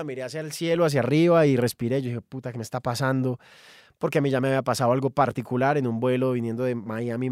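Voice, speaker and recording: A man, a songwriter telling a personal story in an animated monologue. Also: mid-range voice, no echo, clean studio sound.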